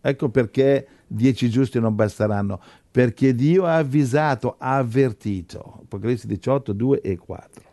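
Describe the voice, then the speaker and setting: A man's voice: mid-range voice, normal speed, warm tone, no room sound. A man preaching a sermon and leading a Bible study, exhorting his listeners and often stumbling through repeated restarts.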